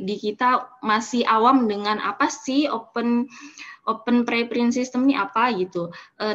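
A woman moderating a webinar informally over a lo-fi online call. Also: on the high side. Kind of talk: informal event hosting. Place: online video meeting. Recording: dull lo-fi online call audio.

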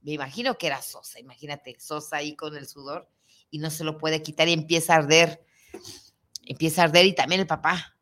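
A woman spins an old tale in loose, chatty fashion. Her voice sits a little low, and she jokes and corrects herself as she goes. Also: a little fast. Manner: animated, colloquial, jokey, with frequent restarts and asides. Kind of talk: casual storytelling chat.

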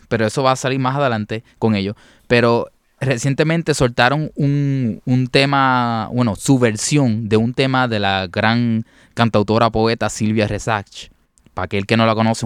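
Man, puerto rican accent, podcast co-host, enthusiastic slangy chat, lowish pitch, clean dry sound. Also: clear, resonant tone, dry recording. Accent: Puerto Rican Spanish. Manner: enthusiastic, slangy, mixing in English phrases.

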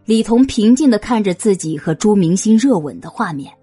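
A woman with a husky voice narrating a suspense audio drama in an expressive storytelling manner. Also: mid-range voice, normal speed, faint music behind.

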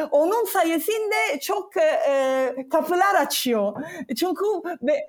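High-pitched foreign woman, halting broken Turkish. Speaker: interview guest. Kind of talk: casual conversational interview.

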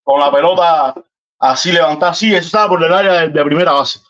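A man with a Cuban accent speaking earnestly and warmly in a casual chat, often ending lines with a questioning tag. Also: fairly high pitch, fast. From Cuba. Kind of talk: casual heartfelt conversation. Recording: dull lo-fi line.

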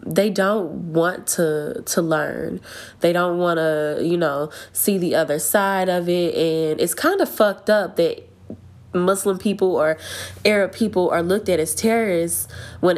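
A woman vlogger giving a blunt, profane, fired-up rant to her viewers. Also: lowish voice. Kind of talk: casual rant to camera.

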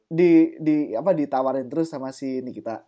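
A man's voice: mid-range voice, normal speed, dark tone, lo-fi sound. A young man from Java in a casual chat, speaking thick with slang and casual swearing. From Java, Indonesia.

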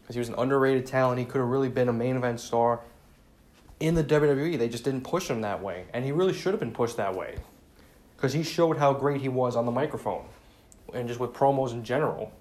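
In a mid-range, darkish voice that runs a little fast, a man speaks on his solo podcast. It's a casual, sincere tribute in a saddened, subdued mood, thick with fillers and restarts.

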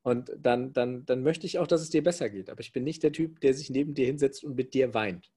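A man in sales talking in a casual chat, emphatic and quick, often restarting his sentences. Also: medium pitch, mellow, slightly rough. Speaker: salesperson, podcast co-host.

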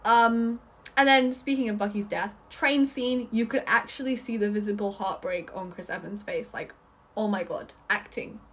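A young woman giving a casual, rambling film review, full of fillers and restarts, with a slightly husky voice. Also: mid-range voice, normal speed, a bit bright.

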